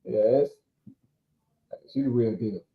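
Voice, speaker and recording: A man hosting a podcast, asking questions and chiming in with quick, eager replies. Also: mid-range voice. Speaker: podcast host. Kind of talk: casual podcast interview. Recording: roomy, slightly dull sound.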